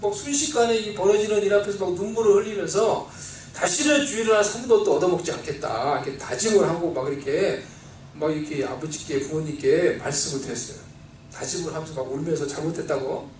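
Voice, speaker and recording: A man preaching a sermon as pastor, telling a childhood story in an animated way and acting out the voices he quotes, with a Seoul Korean accent. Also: on the high side, fast talker, slight background noise. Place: church sanctuary. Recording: roomy, distant church recording with faint ambience.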